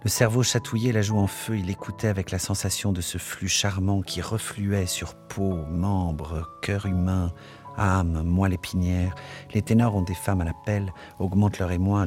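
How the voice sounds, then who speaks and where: Deep male narrator, measured literary reading, faint music behind. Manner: measured, expressive. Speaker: audiobook narrator.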